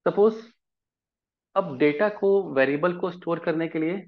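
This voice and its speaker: A man's voice: fairly high pitch, a little slow, muffled recording. A man teaching a programming lesson in Hindi, explaining step by step and often checking whether the class follows. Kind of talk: live coding lesson.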